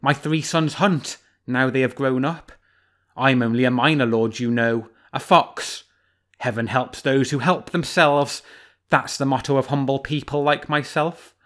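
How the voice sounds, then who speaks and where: A man voicing a sly, smooth-talking male fox who sounds falsely humble, ingratiating and cheery. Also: mid-range voice, steady tone, measured pace, a bit bright, natural voice.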